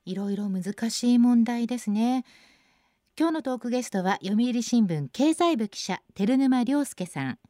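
Lively-voiced female radio host. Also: a little high, a little slow, no room sound, clean studio sound. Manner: bright, chatty commentary on each post. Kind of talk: radio segment reading listener posts.

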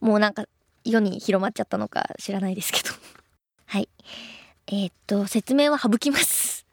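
A woman's voice: mid-range voice, moderate pace, a little hiss or hum. A young woman hosting a radio show, chatting casually and reading listener mail in a bubbly, self-deprecating way. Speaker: radio host.

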